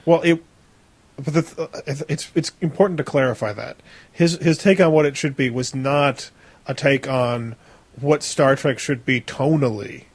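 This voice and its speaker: A man doing casual movie commentary with a group, emphatic and animated and quick to laugh. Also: medium pitch, slightly rough, no echo. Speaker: podcast commentator.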